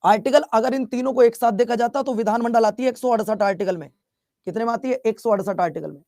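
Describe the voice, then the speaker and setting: High-voiced teacher man, Bihar Hindi accent. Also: fast talker, a little mellow, dry recording, studio quality. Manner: chatty, repeats questions, scolds playfully. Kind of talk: classroom lecture.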